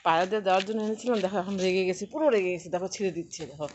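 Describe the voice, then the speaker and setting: A woman's voice: medium pitch, rapid-fire, muffled recording, a little hiss or hum. A woman vlogging on a rooftop, teasing and coaxing her dog in a sing-song voice while speaking to viewers. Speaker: pet vlogger. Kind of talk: casual vlog talking to her dog and viewers. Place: rooftop outdoors.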